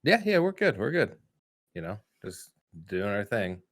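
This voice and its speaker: Lively joking male podcast host. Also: lowish voice, unhurried, dry recording, clean studio sound. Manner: jokey, laughs often, lively delivery. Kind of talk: casual chat.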